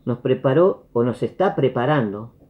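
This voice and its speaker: A man's voice: mid-range voice, normal speed. A man with a Rioplatense Spanish accent, preaching and telling a parable while acting out the characters' lines. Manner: animated storyteller, acts out characters' lines. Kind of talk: sermon parable storytelling. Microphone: video call. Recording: dull lo-fi video call audio.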